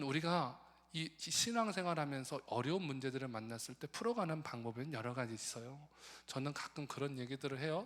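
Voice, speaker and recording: A man's voice: medium pitch, fairly bright tone. A male pastor telling a humorous story in a sermon and joking with his congregation. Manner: humorous, conversational, addresses the congregation. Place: large church hall. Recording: long church hall reverb.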